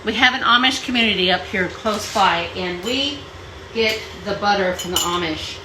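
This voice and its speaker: A woman's voice: medium pitch, normal speed, roomy sound, noisy background. A woman co-hosting a home cooking show, explaining each step in a chatty way in her kitchen. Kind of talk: casual cooking demo.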